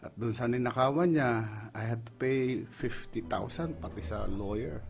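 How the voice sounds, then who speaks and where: A man's voice: medium pitch, normal speed, vocal fry, faint music behind. A middle-aged Filipino man, a pastor, giving an earnest personal testimony in Tagalog mixed with English. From Philippines. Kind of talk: emotional testimony on a radio program.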